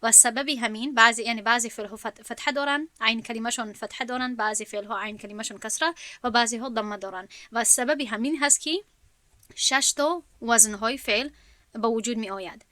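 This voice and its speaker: A woman teaching an Arabic grammar lesson, spelling out verb forms one by one and pausing with fillers as she explains. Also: a little high, sharp tone, no echo.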